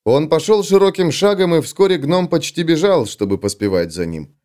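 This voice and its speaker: A man reading an audiobook aloud in an expressive, scripted narration. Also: a little high, moderate pace.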